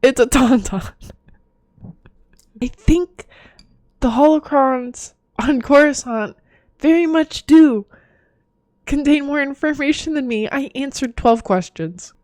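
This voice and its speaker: A woman's voice: sits high, animated, slow pace, pauses often, a little mellow, no echo, clean studio sound. A tired young woman chatting casually through a quiz, giggly and self-mocking. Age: young adult. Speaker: vlogger. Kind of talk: casual chat doing a quiz.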